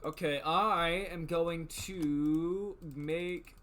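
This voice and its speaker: Stuffy nosed guy gaming on stream, bright sharp voice, swears a lot, faint keyboard clicks behind. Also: fairly high pitch, steady tone, drawn-out words, a little hiss or hum. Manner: joking, swears casually. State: congested. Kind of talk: casual gaming chat.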